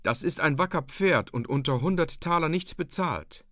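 A man's voice: fairly high pitch, expressive, normal speed, a bit bright, dry recording, studio quality, voice pushed up. A man voicing a cunning, ragged male vagabond who sells a horse, talking in a wheedling way. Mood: sly, wheedling.

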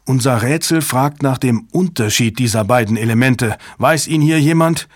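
A man voicing a gruff, impatient male systems chief who urges the others on, in an audiobook reading. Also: mid-range voice, normal speed, no echo, clean studio sound, close to an everyday voice. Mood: urgent.

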